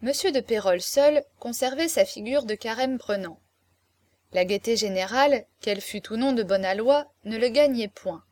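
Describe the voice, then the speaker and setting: A woman reading a classic novel aloud as narrator, in clear, even storytelling. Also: a little high, moderate pace.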